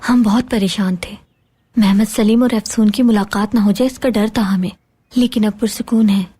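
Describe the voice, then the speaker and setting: A woman's voice: medium pitch, steady tone, moderate pace, dark tone, slightly rough, close to an everyday voice. An actress dubbing an earnest palace woman. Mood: relieved.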